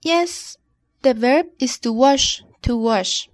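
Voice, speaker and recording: A woman co-hosting an English lesson, reading model answers in a careful, deliberate way. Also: high voice. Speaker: co-host answering the teacher's questions. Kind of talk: scripted bilingual lesson dialogue.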